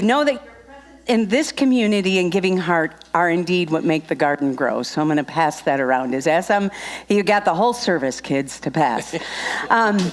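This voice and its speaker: A woman minister giving chatty, joking announcements at the start of a Sunday service, laughing often. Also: fairly high pitch.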